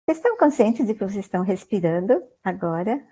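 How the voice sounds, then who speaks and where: A woman's voice: medium pitch, big pitch swings, fast talker, warm tone, husky. A woman with a Brazilian Portuguese accent giving an online mindfulness talk, conversational, often tagging sentences with "né?" and asking her listeners questions. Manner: conversational, many "né?" tags, asks the audience questions. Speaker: guest lecturer on mindfulness.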